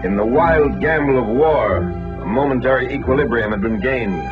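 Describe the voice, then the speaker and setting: A man's voice: medium pitch, normal speed. A man narrating a 1940s wartime newsreel in a dramatic, emphatic announcer style, with old newsreel sound. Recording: dull lo-fi 1940s newsreel soundtrack under loud orchestral music. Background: loud score.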